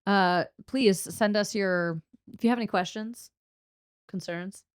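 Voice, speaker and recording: A woman's voice: medium pitch, unhurried, clear, resonant tone, no echo, clean studio sound. A woman co-hosting a casual podcast, rambling and laughing often as she chats with her co-host. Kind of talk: casual chat.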